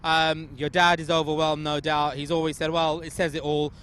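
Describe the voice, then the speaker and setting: A high-pitched man with a bright, forceful voice interviews players pitchside at a night cricket match. He talks effusively and keeps directing the players and the camera. Faint outdoor traffic noise sits behind him. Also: little pitch movement, normal speed.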